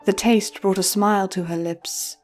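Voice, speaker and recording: A woman narrates a scripted storybook as the storyteller over background music. She speaks at a moderate pace in a mid-range, steady voice that is a little mellow.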